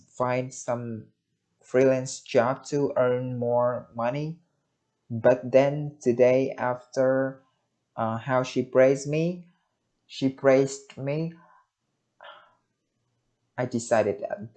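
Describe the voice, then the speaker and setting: A young man from Vietnam speaking English with a Vietnamese accent, halting with many fillers and restarts as he vlogs his study progress. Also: medium pitch, darkish tone. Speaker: English learner vlogging daily progress. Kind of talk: casual self-recorded vlog and video call lesson.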